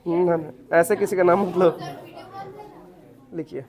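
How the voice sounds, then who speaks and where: A man's voice: high-pitched, steady tone, crowd noise. Male teacher lecturing and dictating notes. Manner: asks the class rhetorical questions and answers them himself; dictates notes very slowly, repeating phrases.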